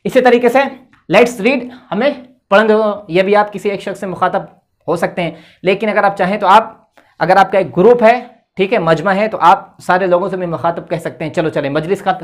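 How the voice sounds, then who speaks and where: A man's voice: sits high, a bit bright. Male English teacher, tinged delivery, patient board lesson, repeats his check-ins. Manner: repeats "theek hai" often, explains patiently.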